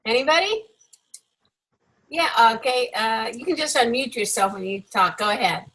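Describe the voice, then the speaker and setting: A woman's voice: on the high side, animated, normal speed, fairly bright tone, husky. A woman working as a public speaking coach, giving effusive, emphatic, encouraging feedback to a group on a video call.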